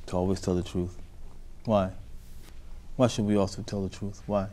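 A low, mellow, level voice at a moderate pace belongs to an American-accented man acting as a teacher telling children a moral story. He keeps asking them questions and waiting for their answers, call-and-response style.

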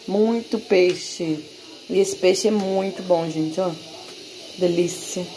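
Her mid-range voice has a darkish tone and a Brazilian accent. The young home vlogger narrates her cooking casually for viewers from a small tiled kitchen indoors, captured on a noisy, hissy recording.

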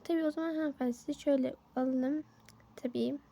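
Toy-game story role-play: woman voicing a polite doctor, quiet, high and creaky. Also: fairly even intonation, fast. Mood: formal. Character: polite, businesslike clinic doctor.

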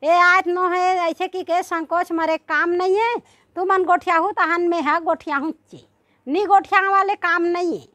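A woman's voice: extremely high pitch, steady tone, normal speed, bright, forceful tone, dry recording. A woman with a Chhattisgarhi accent chatting casually and affectionately to her followers, often repeating herself. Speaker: vlogger.

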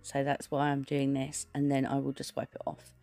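A woman talks through a nail art tutorial in a casual, rambling voice-over. Her voice is low and has a gravelly fry. It is recorded close and dry, with soft background music. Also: completely flat delivery, normal speed, no echo. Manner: chatty, rambling, many fillers and restarts.

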